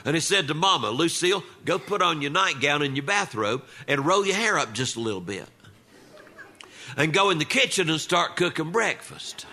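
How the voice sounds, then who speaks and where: An older man tells humorous family stories live, folksy and conversational, acting out his relatives' dialogue as he goes. His voice is a little high, pushed and bright, with big pitch swings at a normal speed.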